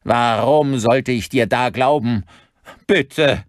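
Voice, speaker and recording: A man's voice: slow pace, dry recording, clean studio sound, close to an everyday voice. A man voicing a terrified wounded man who wails and begs for his life in an audiobook. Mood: pleading. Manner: shrill, wailing pleas.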